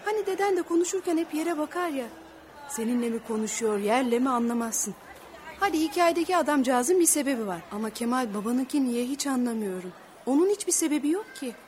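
A woman's voice: high voice, expressive, a little fast, a faint crowd, a little hiss or hum. A woman playing a fussy, practical middle-aged mother who chides her family, in a radio play. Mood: chiding. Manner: chiding, talkative.

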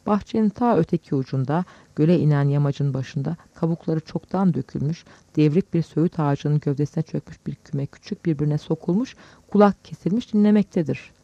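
A man calmly reading literary prose aloud as an audiobook narrator, in a measured way. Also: a little high, vocal fry, dry recording. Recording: dull lo-fi dry recording.

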